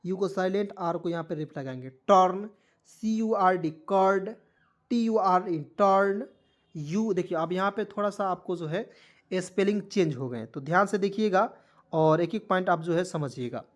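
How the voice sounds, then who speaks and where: A man's voice: sits high, moderate pace. A man teaching an online English spelling lesson, patiently spelling words letter by letter and then repeating each word. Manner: patient, addresses viewers as friends.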